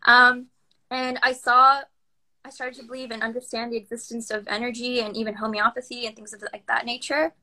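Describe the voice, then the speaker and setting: A woman in her late twenties from the United States, a doctor talking as a podcast guest on a live video call, animated and laughing often. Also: on the high side, a little fast. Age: 20s. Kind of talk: casual conversation. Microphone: phone on a live video call.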